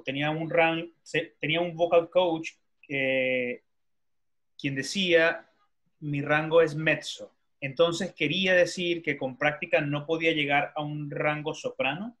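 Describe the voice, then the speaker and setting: A man's voice: on the high side, steady tone, a little slow, a bit bright. A man moderating an online talk, reading out audience questions in a hesitant way with restarts, over a video call.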